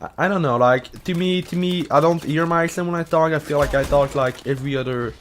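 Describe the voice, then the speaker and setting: Answering questions from Reddit, a young man with a Quebec French accent that's been partly Americanized rambles on in a casual vlog. He sounds a little high and a bit bright and speaks a little fast. He swears a lot, says "uh" constantly, and keeps restarting his sentences.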